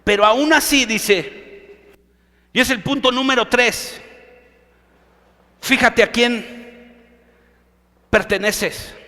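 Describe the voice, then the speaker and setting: A man's voice: very high-pitched, extremely slow, long pauses, bright, forceful tone, in a large hall. A male pastor preaching a sermon with emphatic, direct questions to his listeners.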